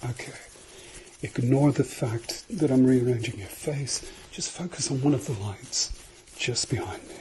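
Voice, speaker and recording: A British man performs an ASMR role-play, soft-spoken and slipping into softer speech as he gives insistent, repeated instructions and reassurance. His pitch is medium and his pace measured, with a little hiss or hum in the audio.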